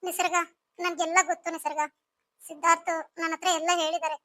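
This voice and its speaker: A woman's voice: very high-pitched, flat delivery, brisk, pushed and bright. A woman voicing a caring older sister figure in a cartoon story, coaxing and soothing as she talks.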